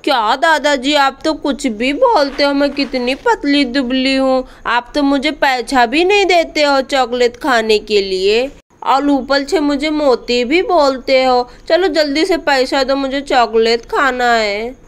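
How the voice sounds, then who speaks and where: A cheeky little girl, as a woman plays her in a doll story. Her voice is very high, and she whines and demands things from her grandfather. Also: unhurried. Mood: whiny. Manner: whiny, demanding.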